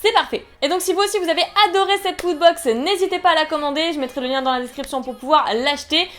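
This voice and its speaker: A woman's voice: sits high, fast. A young woman chatting casually through an unboxing, rambling and giggly, poking fun at herself. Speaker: unboxing vlogger.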